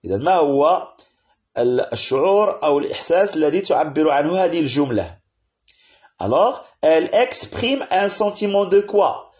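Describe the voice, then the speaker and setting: A man's voice: on the high side, expressive, a little mellow. A man, teaching a grammar lesson to primary pupils, explaining patiently and often checking in with "hein?". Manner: switches between French and Arabic, explaining slowly with frequent "hein?" and "bien". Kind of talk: classroom-style grammar lesson. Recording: dull lo-fi audio.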